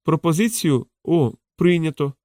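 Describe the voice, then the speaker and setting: A man's voice: a little high, lively intonation, unhurried, a little mellow, no room sound, clean studio sound, voice pushed up. An audiobook reader voicing a young male thief who talks in a raised, wry and indignant way.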